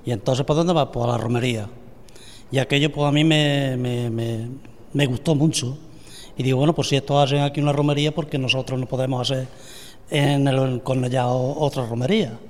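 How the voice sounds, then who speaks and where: A man's voice: mid-range voice, fairly even intonation, fairly quick, a little mellow. Hesitant older Andalusian-born man, echoey. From Andalusia, Spain (La Rambla, Córdoba). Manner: hesitant, repeats words, homely storytelling. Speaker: vice president and founding member of a brotherhood. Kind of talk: radio interview answers. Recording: reverberant room.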